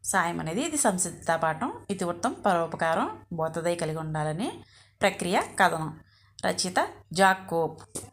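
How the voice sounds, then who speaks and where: Brief: woman teacher, lowish voice, reads out notes and word lists for exam prep, explains simply. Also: animated, a little slow.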